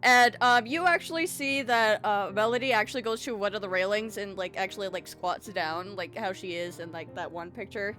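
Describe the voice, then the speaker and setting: A young woman running a tabletop game as game master, giggly and lively, with lots of fillers. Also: mid-range voice, a little fast, few pauses, soft background music.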